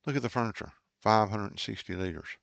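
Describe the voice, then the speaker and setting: Deep gravelly man ranting over gameplay. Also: expressive, quick pace, dry recording, dull audio. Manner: rambling, ranting, exasperated, many fillers and restarts. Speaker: gaming channel host. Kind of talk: casual gameplay commentary.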